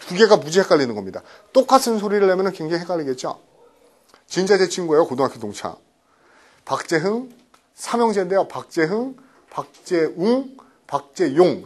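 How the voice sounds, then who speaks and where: Animated male vocabulary lecturer. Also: a little high, husky. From Korea. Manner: lively, acts out phone calls and quoted voices. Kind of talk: classroom lecture.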